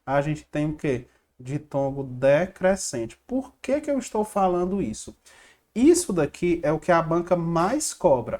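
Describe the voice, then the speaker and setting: A man's voice: on the high side, darkish tone. Male exam-prep teacher, slide lesson, quizzes then answers himself, repeats rhymes. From Brazil. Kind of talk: online grammar lesson with slides.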